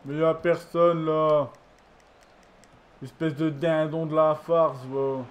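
A tired man, commentating his football video game casually and excitably, shouting at the referee. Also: a little high, takes it slowly, lo-fi sound. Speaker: gaming YouTuber.

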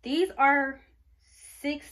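A woman's voice: high voice, steady tone, drawn-out words, fairly bright tone. A pregnant young woman vlogging casually, gushing over baby clothes in a rambling way with many fillers. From Michigan, United States. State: pregnant, briefly out of breath. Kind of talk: casual baby haul show-and-tell.

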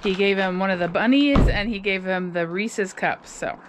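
A woman's voice: mid-range voice, normal speed, background noise. Chatty upbeat woman vlogging. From Alaska. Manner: chatty, upbeat, talks straight to viewers. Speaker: vlog host. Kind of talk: casual shop-with-me vlog chat. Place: car, then home kitchen.

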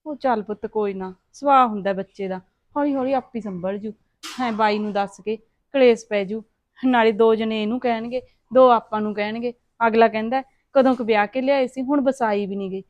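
An actress playing a forgiving middle-aged mother who calms her son, with a Punjabi accent. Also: fairly high pitch, brisk, no echo, dull audio, close to an everyday voice. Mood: placating. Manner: soothing, calming. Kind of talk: short-film acting.

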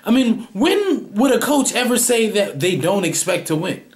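Here the same kind of mock press conference features a young man with a high, sing-song voice at a moderate pace. Playing a cocky coach, he rambles defensively into a close-up large studio mic in a small room, all as comedic parody.

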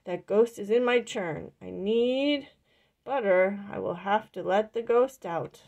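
A woman reading a picture book aloud and voicing a fussy, flustered old farm woman who exclaims loudly in mild oaths, with a gravelly edge. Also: medium pitch, takes it slowly, highs cut off. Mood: fretful.

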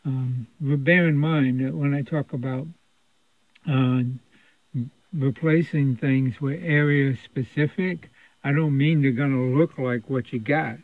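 In an indoor electronics repair workshop, a radio repair technician presents a repair video, giving a casual, unscripted narration at his workbench. His medium-pitched voice is fairly even and a little slow, and he explains things in a rambling, conversational way. The recording has no room sound but a thin, phone-like quality.

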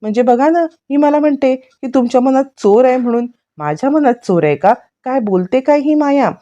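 A woman's voice: sits high, lively intonation, fairly quick, dark tone, muffled recording, voice pushed up. A woman voicing a scheming elderly grandmother who turns defensive and theatrical. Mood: scornful. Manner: indignant, exclaiming.

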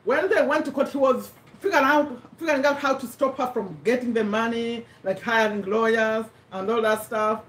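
Woman from Uganda, English as a second language, higher voice, animated speaker, roomy echo, a bit away from the mic. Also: normal speed, few pauses, far from the mic. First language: not English. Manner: animated, talks with her hands, repeats points for emphasis. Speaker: host of a live business talk. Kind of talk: casual motivational talk. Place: home room with a bookshelf, indoors. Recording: echoey room, voice a little off-mic.

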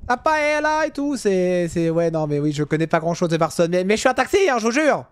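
Casting: young gamer, slightly high voice, joking commentary with sudden outbursts. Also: male voice, fast, clean tone, dry recording. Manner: chatty, jokey, swings to loud yelling at drivers. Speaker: gaming youtuber. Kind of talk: casual gameplay commentary.

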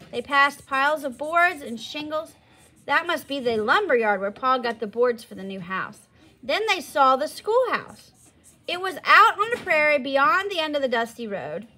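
A woman reads a children's novel aloud with expressive storytelling. Her voice sits high and bright, and her pitch moves a lot. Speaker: storybook reader.

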